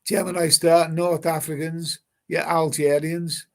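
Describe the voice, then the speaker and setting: A man's voice: on the high side, level tone, a little slow, gravelly. A man hosting a casual live stream, reading out chat comments and rambling with many repeated words and casual swearing. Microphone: webcam stream mic.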